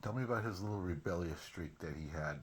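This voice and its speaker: Low-voiced young man casually prompting. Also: fast, slight background noise. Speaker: interviewer, grandchild of the storyteller. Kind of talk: casual family interview, listening and prompting.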